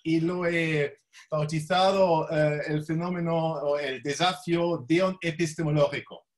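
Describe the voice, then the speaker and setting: Halting foreign-accented male academic speaker. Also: on the high side, steady tone. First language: not Spanish. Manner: halting, searching for words with frequent hesitations. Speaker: law professor, visiting lecturer. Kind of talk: academic talk.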